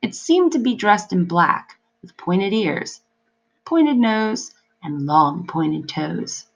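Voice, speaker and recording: A woman narrating a storybook aloud in an expressive, measured way. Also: medium pitch, vocal fry, low-quality recording.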